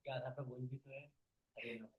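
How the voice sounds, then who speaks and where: A man taking part in a study session, reading a passage aloud slowly and deliberately. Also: mid-range voice, level tone, rough recording. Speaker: session participant.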